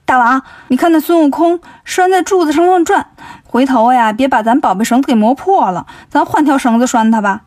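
A woman doing a cheeky, high-voiced monkey king. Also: a little mellow, dry recording, clean studio sound. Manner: cocky, quick-witted, teasing. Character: clever cheeky monkey king, male, mischievous.

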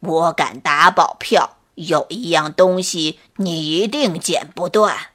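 A woman voicing a wise, patient old male turtle in a children's bedtime story, speaking calmly and gently scolding. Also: on the low side, takes it slowly, pitched below the performer's own voice. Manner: calm, patient, reproving.

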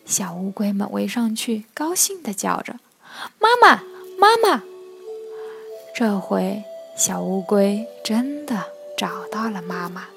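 A woman narrating a children's bedtime story in a soft, expressive way, sometimes dropping to a hush. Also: medium pitch, measured pace, vocal fry, few pauses. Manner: soft, expressive, often hushed. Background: faint music.

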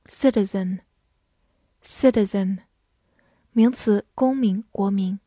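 A young woman teaching vocabulary in a recorded lesson, saying each English word twice clearly, then giving brisk explanations. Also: medium pitch, warm tone, no echo, clean studio sound.

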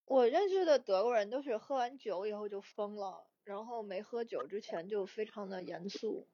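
A woman co-host chimes in with short reactions and quick comments during a casual chat. Her voice is husky and mid-pitched. The sound is slightly dull and lo-fi. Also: animated, dark tone. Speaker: co-host, screenwriter.

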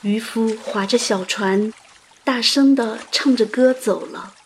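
A woman host narrating a literary story in a delicate, gentle, romantic manner. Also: a little high, slow, a little hiss or hum. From China. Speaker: audio program host and narrator.

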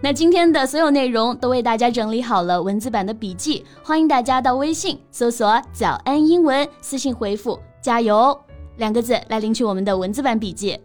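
A woman co-hosting an English lesson podcast in a bilingual, scripted teaching chat, reading English definitions slowly and clearly. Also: on the high side, animated. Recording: soft music behind.

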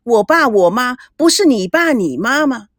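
Lady reading a guilty young guy, stammery and defensive, lively pitch. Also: normal speed, no echo, studio quality. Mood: hesitant, defensive. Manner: hesitant, defensive. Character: young man, awkward and guilty.

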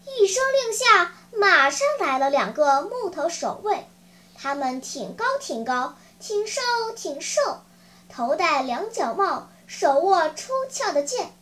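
A woman narrating a children's story in an expressive, animated way. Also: high voice, slow.

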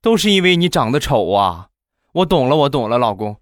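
A man's voice: mid-range voice, sing-song, brisk, loud music behind the voice, lightly acted. A man voicing his young wife, whiny and wheedling, in a raised pouting voice. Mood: mocking. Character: whiny young wife, playful and sharp-tongued.

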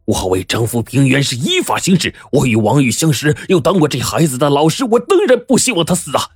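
A man's voice: on the low side, expressive, fairly quick, husky, dry recording, studio quality. A man voicing a stern, indignant prefect. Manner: indignant, declaiming. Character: stern upright male prefect, middle-aged official. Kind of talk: storytelling with acted dialogue.

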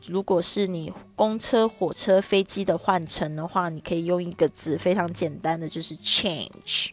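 A woman teaching English pronunciation in a patient, explaining way, who slows down to spell out examples and asks rhetorical questions. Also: fairly low pitch. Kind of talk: online language lesson.

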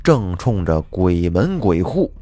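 A man voicing a middle-aged male Taoist feng shui master who speaks in slow, drawn-out pronouncements. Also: sits low, sing-song, mellow, no echo, heavily acted. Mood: solemn.

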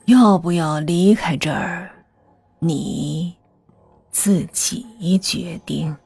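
A woman voicing a smiling, cruel older man who owns a mansion, speaking slowly, softly and with unhurried gloating. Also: fairly low pitch, creaky, breathy edge, dry recording, soft background music, full character voice. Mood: calm menace. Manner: slow, soft, gloating and unhurried.

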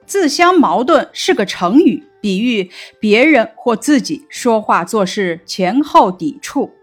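Woman teacher narrating a lesson, unhurried and measured, with soft music underneath. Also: big pitch swings, breathy edge. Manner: slow, measured explaining tone, lifting pitch on quoted classical lines.

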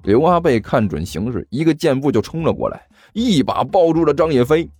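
A man narrating a comic audiobook story in a lively, theatrical storytelling manner. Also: medium pitch, a little fast, slightly rough, no echo, soft background music.

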